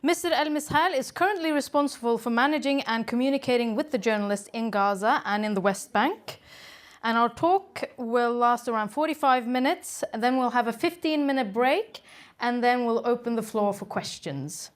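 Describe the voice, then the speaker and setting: A woman's voice: on the high side, moderate pace. A woman with a Norwegian accent hosting an event, formally reading an introduction and questions, a little nervous. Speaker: event host and interviewer.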